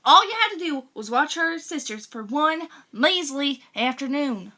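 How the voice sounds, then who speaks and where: A man voicing a flustered young female pony with a shrill, scolding manner. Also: lively intonation, a little slow, pushed and bright, exaggerated voice. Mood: exasperated.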